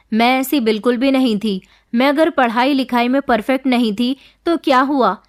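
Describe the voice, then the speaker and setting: Woman narrating a story, slightly high voice. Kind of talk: scripted first-person story narration.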